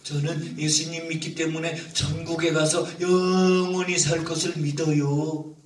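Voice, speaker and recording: A man's voice: a little high, little pitch movement, measured pace, echoey room, far from the mic, natural voice. A man voicing a poor, sick, pleading beggar in a church puppet show. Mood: earnest. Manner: pleading, earnest.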